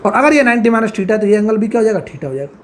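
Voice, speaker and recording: A man giving a whiteboard engineering lecture. He keeps checking whether everything is clear, repeats key terms and murmurs short asides of praise. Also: sits high, expressive, rapid-fire, a little hiss or hum. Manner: keeps asking if it is clear, praises himself with "very good". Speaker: engineering tutor.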